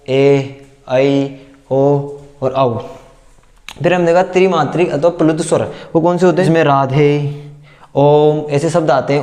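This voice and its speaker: A man teaching a class, repeating terms slowly and asking and answering his own questions as he writes them down. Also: on the high side, darkish tone. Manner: dictates as he writes. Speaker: Hindi teacher. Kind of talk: classroom lesson at a board.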